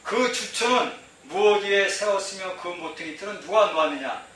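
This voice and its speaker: A man's voice: high-pitched, sharp tone. A man preaching a sermon as pastor, emphatic, repeating phrases and asking the congregation rhetorical questions. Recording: very echoey hall, mic far off, faint noise.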